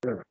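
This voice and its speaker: This podcast co-host from California sounds stuffed up as he rambles through casual chat, cursing freely and laughing a lot. The recording is dry, with phone-quality sound.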